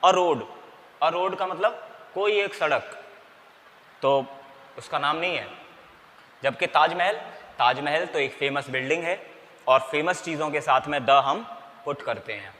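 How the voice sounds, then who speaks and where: Man, grammar teacher, bright voice, long reverb, quizzes the class. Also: fairly high pitch, unhurried, pauses often. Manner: asks and answers his own questions; mixes Hindi and English, spells out letters. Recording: long reverb, faint background noise.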